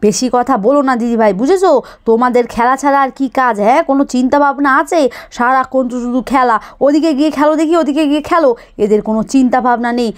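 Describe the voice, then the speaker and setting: A woman's voice: high-pitched, fast talker, clean tone, close to an everyday voice. A woman voicing a bossy, grumbling grandmother and mother-in-law in a doll cartoon, scolding and nagging.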